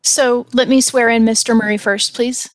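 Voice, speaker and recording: A woman's voice: fairly high pitch, steady tone, moderate pace, no echo, clean studio sound. A woman presiding as judge over a formal remote hearing, polite and procedural in her manner. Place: remote hearing by audio and video link.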